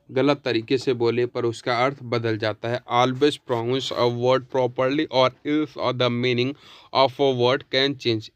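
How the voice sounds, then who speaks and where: A man teaching pronunciation, who addresses viewers as friends and reads English sentences slowly, word by word. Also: medium pitch, clean tone, no echo, lo-fi sound. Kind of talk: spoken pronunciation lesson.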